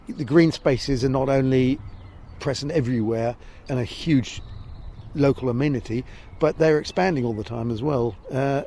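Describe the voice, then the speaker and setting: Hesitant, gravelly southern English man. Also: medium pitch. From Essex, England. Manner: hesitant, discursive, stop-start. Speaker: walking guide and festival guest. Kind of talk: unscripted interview answers. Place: outdoors near a creek by the estuary. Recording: steady background noise, outdoors.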